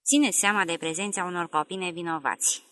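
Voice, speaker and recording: A woman's voice: fairly low pitch, a bit bright, natural voice. A woman reading the lines of a short, stiff young male village schoolteacher in an audiobook, curt and guarded.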